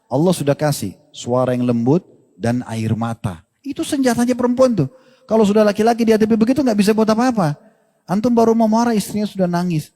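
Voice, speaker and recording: A man giving a conversational, animated sermon about marriage and conduct. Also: high-pitched, brisk. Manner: animated, conversational preaching to men and wives. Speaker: preacher. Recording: hall reverb, husky.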